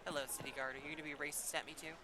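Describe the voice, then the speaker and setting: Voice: mid-range voice, level tone, very fast, background noise. A streamer playing a game, reading in-game texts and making jokey asides. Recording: game music playing behind. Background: game music.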